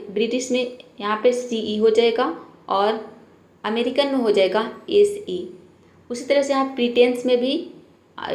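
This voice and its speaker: A woman's voice: a little high, a little mellow, roomy sound. A woman teaches English spelling rules, patiently asking questions and answering them herself, and often checks in with "theek hai". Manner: keeps saying "theek hai" to check understanding.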